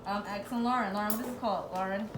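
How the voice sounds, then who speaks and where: Her voice is medium-pitched and steady, and she speaks rapid-fire while showing a group of young children a hands-on activity. She gives short, repeated instructions and encouraging praise. The classroom sounds roomy, with children's chatter all around.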